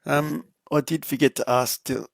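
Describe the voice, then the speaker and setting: A man's voice: a little high, steady tone, normal speed, gravelly, dry recording. Male host, easygoing, dry close mic. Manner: easygoing, laughs often, slang like mate. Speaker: stream commentator interviewing drivers. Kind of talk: casual post-race chat.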